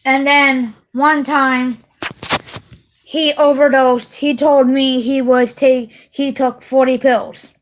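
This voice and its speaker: Ranting young-sounding woman, fairly high voice. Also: flat delivery, slow, rough recording. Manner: heated, repetitive, swearing. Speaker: vlogger. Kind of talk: casual direct-to-camera rant.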